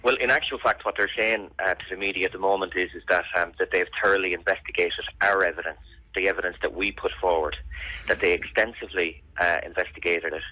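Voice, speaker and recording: A man's voice: sits low, steady tone, quick pace, bright, forceful tone, no echo, rough recording. An Irish man answering questions in a serious radio interview, earnest and insistent, repeating phrases for emphasis. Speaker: interviewee, bereaved brother campaigning for an investigation.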